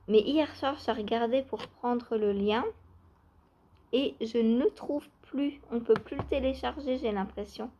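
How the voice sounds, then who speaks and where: Brief: chatty knitting vlogger, woman, slightly high voice, relaxed and giggly. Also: muffled recording, slight background noise. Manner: chatty, laughs often, many fillers. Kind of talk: casual knitting vlog chat. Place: outdoors or by open door, cool weather.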